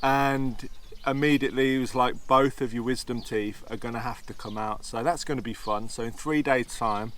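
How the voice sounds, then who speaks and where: A man's voice: medium pitch, steady tone, normal speed, fairly bright tone. A man talking casually to camera with a slurred lisp and slushy s, his sore mouth making speech hard. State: mouth in pain, struggling to talk. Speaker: vlog host.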